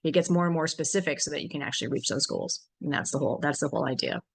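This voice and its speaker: A woman's voice: sits low, rapid-fire, creaky, breathy edge. A woman teaching a farm business workshop in a frank, chatty way, with many fillers and restarts. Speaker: workshop instructor. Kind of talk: conversational farm business lesson.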